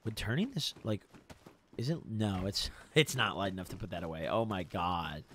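A man's voice: low voice, lively intonation, normal speed, a bit bright, slight background noise. A young man chatting casually on a gaming live stream in a slangy frat-bro manner, swearing freely and calling everyone bro and dude. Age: young adult. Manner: frat-bro slangy, laid-back hype with "bro", "dude", "boys".

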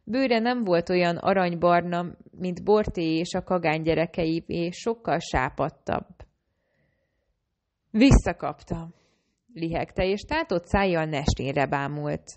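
A woman's voice: fairly low pitch, hardly any pauses, darkish tone, dull audio, a little hiss or hum. A woman narrating a fantasy audiobook, reading the characters' lines in a lightly varied version of her own voice.

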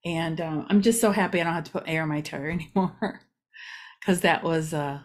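A woman's voice: low voice, fairly even intonation, brisk. A middle-aged woman, chatting through a casual local news vlog with joking asides. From Ohio, USA.

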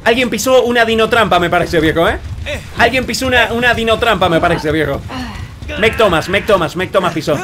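A young man with an Argentine accent commenting on his own gameplay, excitable and quick to shout or laugh. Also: high-pitched, background noise. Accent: Argentine Spanish. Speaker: streamer.

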